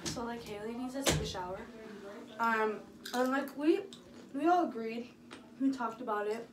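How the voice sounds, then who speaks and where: A woman's voice: fairly high pitch, normal speed. A young woman chatting casually and playfully with friends, often giggly. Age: young adult. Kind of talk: casual chat among friends. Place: small bedroom with friends. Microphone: camera a few feet away. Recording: roomy, distant camera audio, heavy noise.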